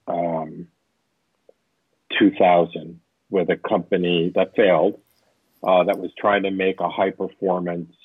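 Heard over a tinny, phone-like line, a husky, deep-voiced man in his fifties from Southern California is interviewed as a tech company executive. The recording is dry, and his answers wander, packed with filler words.

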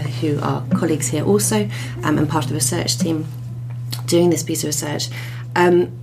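Low, even-voiced woman researcher. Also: background noise. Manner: hesitant, with many fillers and restarts. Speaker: researcher and psychologist guest. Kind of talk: thoughtful podcast discussion.

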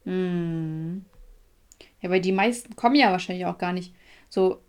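A young woman chatting casually on a podcast, telling an animated story in colloquial slang and acting out the other people's lines. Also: fairly low pitch, measured pace, clean tone. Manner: animated storyteller, acts out quoted dialogue. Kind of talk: casual chat.

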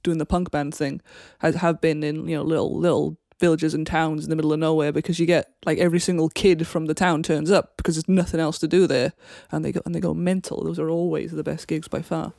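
A woman with a Welsh accent, a musician guest in a casual interview, talking in a relaxed way and patiently explaining things. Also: sits low, quick pace, gravelly, hardly any pauses, dry recording, studio quality. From Wales.

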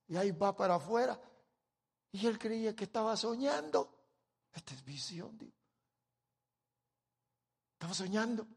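A man preaching a sermon, swinging between loud exclamations and quiet asides. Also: high voice, vocal fry, slightly rough, long reverb tail.

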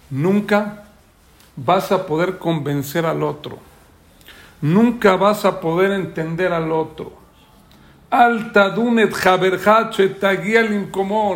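A man giving a weekly Torah class as a sermon, telling a story and acting out the characters' lines. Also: high-pitched.

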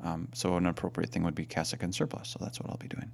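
Male priest, very low voice with gravelly fry, chatty and friendly. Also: level tone, fast, a little mellow. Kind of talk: casual chat.

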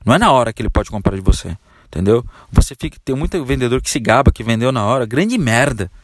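A man's voice: mid-range voice, lively intonation, fast talker, no echo. A man hosting a sales podcast, scolding his listeners bluntly and with profanity, and keeps asking whether they understand. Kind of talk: ranting podcast monologue.

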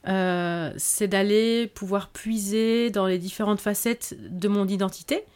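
A woman's voice: medium pitch, steady tone, unhurried, a little mellow, smooth. Reflective woman. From Belgium. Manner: reflective, hesitant with frequent fillers. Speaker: author guest. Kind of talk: podcast interview.

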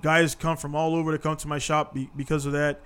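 A man's voice: on the high side, little pitch movement, fast talker, a bit bright, clear, resonant tone. A man in his thirties hosting a casual podcast chat, laid-back and peppering his talk with "man". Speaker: podcast host.

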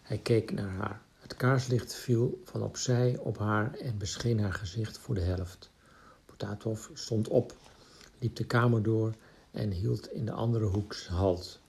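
A man reading a literary short story aloud in a calm, measured narration. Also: fairly low pitch, gravelly.

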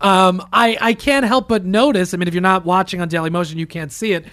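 A male podcast host with a notably high voice, talking in an upbeat, animated way. He keeps a casual chatty tone while steering the conversation. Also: brisk. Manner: upbeat, animated promo delivery.

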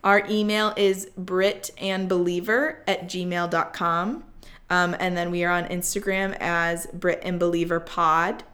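Young woman co-host, casual podcast chat, lower pitch, lots of "like"s. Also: little pitch movement, a little slow, a bit bright. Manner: chatty, many "like" fillers and restarts.

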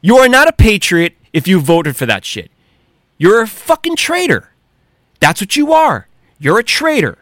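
A man's voice: high voice, big pitch swings, moderate pace, a bit bright, dry recording, studio quality. An American man delivering a heated, profane monologue rant, angry and sarcastic. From United States. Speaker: commentator.

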